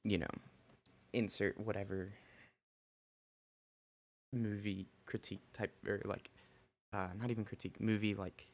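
A man with a fairly low voice rambles through a casual podcast conversation, restarting his sentences as he goes. He has the hiccups. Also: flat delivery, measured pace, vocal fry, pauses often, a little hiss or hum. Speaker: podcast co-host. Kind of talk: casual chat.

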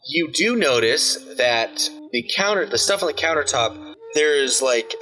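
A man's voice: mid-range voice, lively intonation, measured pace, sharp tone, faint music behind. A man narrating a tabletop game as game master, rambling with many fillers.

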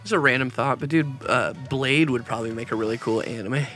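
A man's voice: mid-range voice, brisk, bright, forceful tone, soft background music. A man co-hosting a podcast in casual chat, laughing often and jumping into playful bits. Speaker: podcast co-host.

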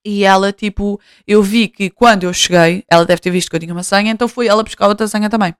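A woman's voice: mid-range voice, fairly even intonation, fast talker, clean tone, dry recording. A young woman from Portugal chats through a podcast monologue in her European Portuguese accent. She is self-mocking and casual, and she acts out other people's voices. The recording is dry and close, with no room sound. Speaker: podcast host.

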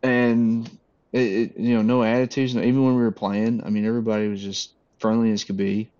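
A man's voice: lowish voice, flat delivery, a little fast, mellow, clear, resonant tone. A man who organizes airsoft games, chatting casually on a podcast in a rambling, laid-back way with lots of fillers. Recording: dull lo-fi audio.

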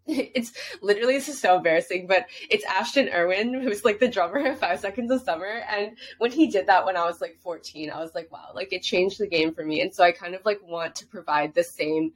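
As a podcast guest in a relaxed interview, a twenty-something woman raised in Hong Kong chats freely, laughing readily and leaning heavily on "like." She speaks a little fast in a lowish voice, with hardly any pauses.

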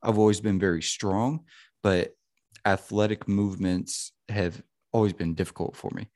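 Podcast host, man in his thirties, very low voice, dry close sound, loose profane storyteller. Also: fairly even intonation, normal speed, a little mellow, dry recording. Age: 30s. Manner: rambling, profane, frequent "you know what I mean". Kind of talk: casual chat.

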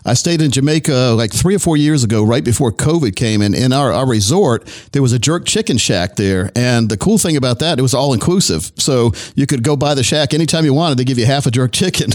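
A man's voice: medium pitch, expressive, fairly quick, few pauses. A man hosting a talk radio show, introducing and interviewing a guest in a chatty way and laughing easily.

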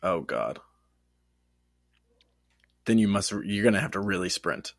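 A man's voice: low voice, big pitch swings, unhurried, creaky, no echo, studio quality. A man co-hosting a casual sports podcast, teasing his partner and swearing casually. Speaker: podcast co-host.

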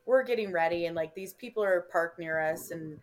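A woman with a Chicago accent telling a story in casual chat, animated, laughing often and swearing freely. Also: lowish voice, brisk, a little hiss or hum. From Illinois. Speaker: podcast guest.

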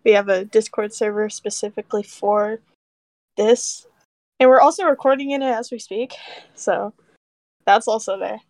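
A woman's voice: mid-range voice, steady tone, normal speed, pauses often, darkish tone, no echo. A young woman co-hosting a casual podcast, dry and teasing, often laughing, on a poor-quality mic. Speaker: podcast co-host.

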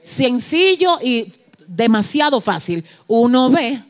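A woman preacher, giving a fervent sermon that swings from soft asides to shouted peaks and acts out quoted dialogue. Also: on the high side, very animated, slow. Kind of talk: Pentecostal-style sermon.

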